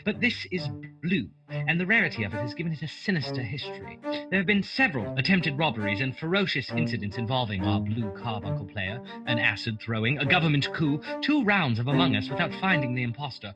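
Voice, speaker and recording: A man's voice: medium pitch, expressive, fairly quick, natural voice. A man playing Sherlock Holmes, a grave, dry, knowing detective in a radio drama. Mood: grave, ominous. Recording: dull lo-fi sound under music.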